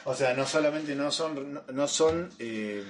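A young man, co-hosting a comedy podcast. He cuts in with sarcastic jokes and quick asides. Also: on the high side, distant mic, a crowd in the background. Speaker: podcast co-host. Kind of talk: casual comedic banter. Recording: echoey room, off-mic.

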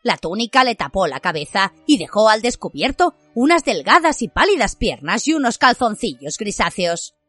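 A woman narrating a fantasy novel as an audiobook, with expressive storytelling. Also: mid-range voice, moderate pace, hardly any pauses, dry recording, soft background music. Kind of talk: scripted fiction narration.

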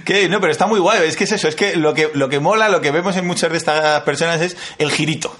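A man from Spain co-hosting a podcast, talking with ironic, deadpan humor. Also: on the high side, fast talker. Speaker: podcast co-host. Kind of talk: casual comedic chat.

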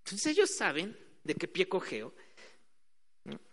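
A man's voice: high-pitched, huge pitch swings, a little slow, fairly bright tone. A man preaching a sermon in a conversational way, acting out quoted voices. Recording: hall reverb.

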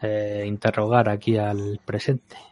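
A man's voice: lowish voice, monotone, unhurried, a little mellow. A man playing in a tabletop game, talking through his moves in a matter-of-fact way. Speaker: player. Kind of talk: casual tabletop game chat.

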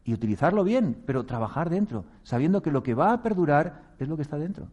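A man's voice: on the high side, animated, fast talker, a little mellow. A man from giving a reflective talk on meditation, speaking earnestly, chuckling at himself and acting out quoted voices.

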